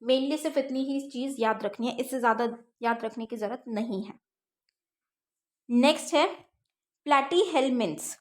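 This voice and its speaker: High-pitched woman teacher doing a science lecture, reads the book slowly then explains, asks herself stuff and answers it. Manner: explains step by step, asks and answers her own questions. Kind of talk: exam-prep science lecture.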